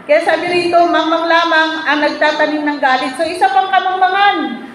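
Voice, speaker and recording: A woman's voice: very high voice, steady tone, moderate pace, a bit bright. A woman preaching a sermon to a congregation and often asking them to answer back. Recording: very echoey room, faint background noise.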